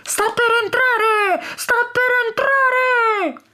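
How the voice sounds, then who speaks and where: A woman voicing an eager little male messenger bird who gives shrill alarm cries. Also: fairly even intonation, normal speed, a bit bright.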